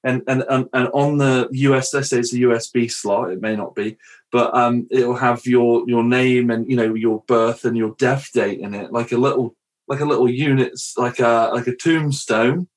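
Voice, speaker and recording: A man hosts a podcast in an easygoing, chatty way, telling stories in loose rambling asides. He jokes around and laughs often. His voice sits at an ordinary middle pitch. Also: fairly even intonation, moderate pace. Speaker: podcast host. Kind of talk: casual podcast conversation.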